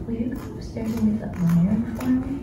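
A woman's voice: fairly high pitch, a little fast, recorded from a distance. A young woman chatting casually about her sewing project, with lots of "like" and "you know". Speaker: boat owner learning to sew. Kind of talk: casual chat. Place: large empty living room with paper-covered floor. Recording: very echoey bare room with background noise.

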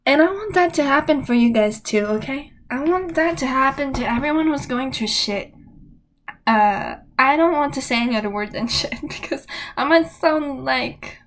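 A woman's voice: high voice, animated, moderate pace. A young woman giving a candid, emphatic motivational talk to camera, often checking in with "okay?". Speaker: self-help vlogger.

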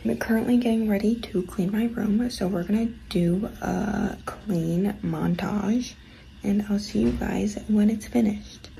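A young woman vlogging from her dorm room in a casual, soft-spoken way, often half-whispering. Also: medium pitch, measured pace, creaky, slight background noise, rough recording. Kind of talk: casual vlog chat.

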